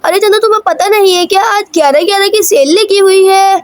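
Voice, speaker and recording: Woman voicing a cartoon doll lady: hurried and eager, very high voice. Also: no echo. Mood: urgent.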